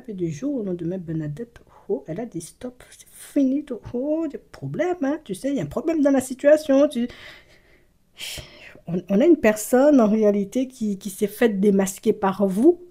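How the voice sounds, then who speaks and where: A woman talking straight to the viewer in a casual monologue, teasing and mocking as she swings between soft murmurs and loud exclamations, with tag phrases dropped in all the time. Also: medium pitch, expressive, normal speed, breathy edge. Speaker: video creator speaking to the viewer. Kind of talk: casual direct-to-camera monologue.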